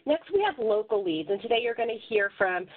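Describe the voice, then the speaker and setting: A woman's voice: medium pitch, animated, fairly quick. Woman presenting over a phone-like line. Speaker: webinar presenter and moderator. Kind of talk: informational slide presentation. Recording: muffled, narrow phone-like line.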